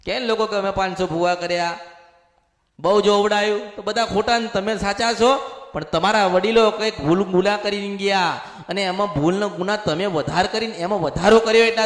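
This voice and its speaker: A man acting as a spiritual medium, preaching in a possession sermon and speaking as a goddess in the first person, with lots of repetition. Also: sits high. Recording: echoey hall with long reverb.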